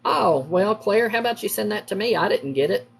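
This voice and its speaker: A middle-aged woman, chatting casually with livestream viewers while she crafts and telling family stories in a lively, animated way. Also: fairly quick, vocal fry, a little hiss or hum. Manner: lively, acts out quoted family members with big pitch jumps.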